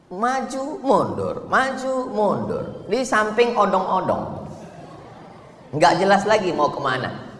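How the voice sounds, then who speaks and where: A middle-aged man from Sumatra preaching a humorous sermon with a loud, booming delivery and playful jokes. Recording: echoey hall with faint ambient noise.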